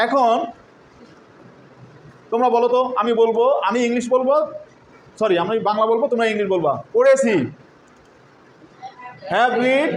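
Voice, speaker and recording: A man's voice: very high-pitched, a little hiss or hum. A man teaching English grammar to a class, quizzing students with repeated call-and-response questions. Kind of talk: classroom lesson. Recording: echoey classroom, faint ambience.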